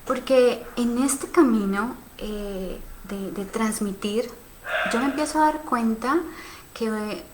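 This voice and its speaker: Over background noise, a thirtyish woman with a Colombian accent from Cali talks slowly in a fairly high voice. Hosting a relaxed live stream about sexuality, she reflects on viewer comments as she thinks aloud, using lots of fillers and tag questions.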